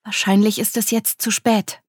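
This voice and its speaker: A frightened young woman who has just fled a violent man, her voice choked with held-back tears, as a woman reading the story puts her on. She sounds tense and anxious, pitched higher than the reader's own low, husky voice. The recording is close and dry. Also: level tone, moderate pace, no room sound, close to an everyday voice. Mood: anxious, tearful. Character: distressed young woman fleeing abuse.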